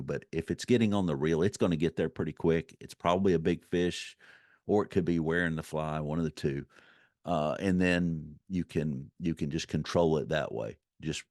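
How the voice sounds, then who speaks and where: A man speaks in an extremely deep voice, with a dry, echo-free sound. He teaches informally, like an unscripted lesson. His delivery is folksy and rambling, often looping back to restate a point. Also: darkish tone. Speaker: fly-fishing instructor. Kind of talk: informal unscripted instructional talk.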